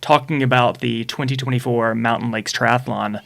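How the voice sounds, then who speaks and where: A man's voice: mid-range voice, fairly even intonation, normal speed, creaky, a bit bright. A man race director hosting a casual podcast from an office, easygoing and joking, sometimes correcting himself mid-sentence.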